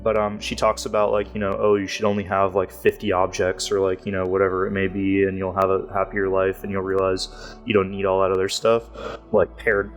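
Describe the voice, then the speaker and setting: A man talking casually as a podcast guest, rambling and filling his speech with "like". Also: low-pitched. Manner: rambling, heavy use of "like" fillers. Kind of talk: casual interview talk.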